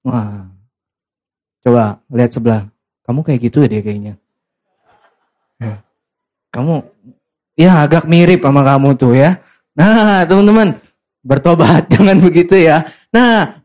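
A man's voice: high-pitched, animated, unhurried, pauses often. A young man preaching a casual youth sermon, teasing the congregation and acting out quoted lines.

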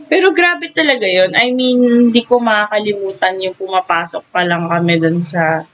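A young Filipino woman co-hosting a podcast, chatting excitedly and gushing, mixing English into her talk. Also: mid-range voice, normal speed, highs cut off. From Philippines. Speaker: podcast co-host. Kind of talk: casual chat.

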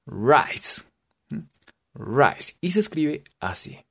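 Spelling English cooking vocabulary letter by letter, a Colombian Spanish-accented teacher jokes around in a casual lesson. The mid-range voice is gravelly and husky, moves very slowly, and swings widely in pitch.

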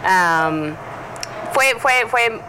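A woman from the United States, a native English speaker, talks casually in Spanish with an American accent, searching for words as she goes. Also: lively intonation. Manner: halting, searching for words in a second language. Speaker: interview guest, journalist. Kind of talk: casual conversation. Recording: noisy, with traffic rumble behind.

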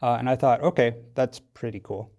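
An American podcast guest from Wisconsin, founder of a tech company, explains things thoughtfully and hesitantly in a casual studio interview. His mid-range, slightly mellow voice moves at a moderate pace, and the audio sounds dull.

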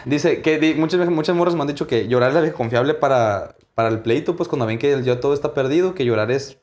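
A young Mexican man speaking bluntly in a casual chat, medium-pitched and slangy. He states firm opinions and keeps adding quick apologetic asides. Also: darkish tone. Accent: Mexican Spanish.

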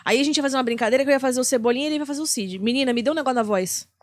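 Fast-talking woman comedian chatting. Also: high voice, no echo, clean studio sound. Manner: rapid, chatty, swears casually. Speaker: guest comedian. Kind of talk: casual podcast chat.

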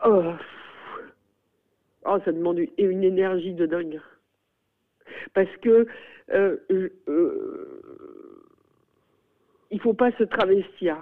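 A middle-aged woman, a school principal, speaks in a radio interview. She hesitates often and drops in lively exclamations. Her voice comes through narrow and phone-like. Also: medium pitch, slow pace, pauses often. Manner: hesitant, many fillers and exclamations.

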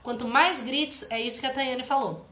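A woman giving an animated parenting talk to an audience, often tagging her sentences with "né?". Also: sits high, moderate pace, slight background noise. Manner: animated, tags phrases with "né?". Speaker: parenting educator. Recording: roomy echo.

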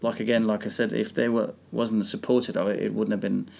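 A Danish man, a native Danish speaker and speedway rider, chats casually as an interview guest, rambling with restarts in a relaxed way. His lowish, fairly quick voice has vocal fry and a blended English accent with an Australian tinge.

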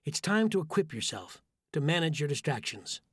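A man reading a first-person essay aloud as a narrator, measured and earnest. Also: fairly high pitch, big pitch swings, husky, dry recording, clean studio sound. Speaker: audiobook narrator. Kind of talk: scripted narration.

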